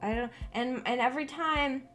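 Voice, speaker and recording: At normal speed and in a high-pitched voice, a young adult woman chats casually on a live stream. Her talk rambles hesitantly and trails off mid-thought, backed by guitar music.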